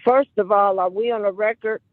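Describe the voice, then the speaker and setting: A woman's voice: mid-range voice, steady tone, brisk, dry recording. Insistent woman on a tinny courtroom recording. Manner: insistent, repeats objections and questions. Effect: courtroom hearing recording over a phone-like line. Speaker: defendant. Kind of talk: argumentative courtroom exchange. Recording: tinny, dry phone-line courtroom recording.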